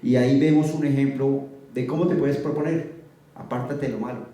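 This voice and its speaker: Mellow preacher in an echoey hall. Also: male voice, mid-range voice, fairly even intonation, moderate pace. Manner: earnest, repeats phrases for emphasis. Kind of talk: sermon with scripture reading. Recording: very echoey room from a distance.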